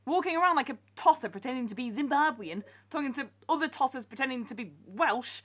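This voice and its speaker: A woman playing a fed-up, sharp-tongued wife with a husky voice, exasperated and scolding. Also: sits high, animated, fast.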